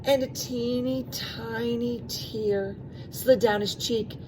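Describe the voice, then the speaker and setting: A woman with a fairly high voice reads a storybook aloud to young children, taking it slowly. She's expressive and animated, stretching out sound words and adding asides to her listeners, with background noise audible.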